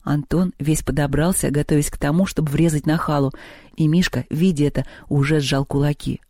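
A narrator reading a children's story aloud in a steady, expressive storytelling manner. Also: medium pitch, brisk, no echo, studio quality. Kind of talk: audiobook reading.

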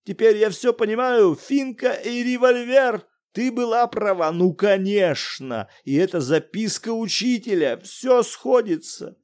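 A man voicing an excitable middle-aged academic in an audiobook, theatrical and loud. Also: mid-range voice, unhurried. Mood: alarmed. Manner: bellowing, theatrical, exclamatory.

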